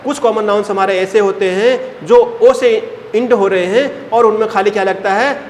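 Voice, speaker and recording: At a normal speed and with a darkish tone, a male teacher with a fairly high voice drills grammar rules, asking and answering his own questions and calling his students "beta." The recording has a roomy classroom sound, a long reverb tail and faint background noise.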